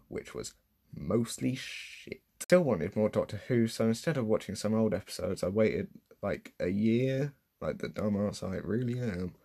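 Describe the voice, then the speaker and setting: Sarcastic young man, husky low voice. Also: darkish tone. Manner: sarcastic, self-mocking, profane. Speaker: vlogger. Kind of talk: casual unscripted commentary.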